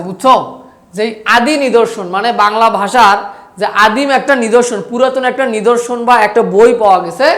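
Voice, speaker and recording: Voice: medium pitch, fairly bright tone. A teacher with a Bangladeshi Bengali accent giving an online class lecture over slides, repeating points and asking questions that they then answer. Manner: repetitive, asks questions and answers them. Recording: roomy echo.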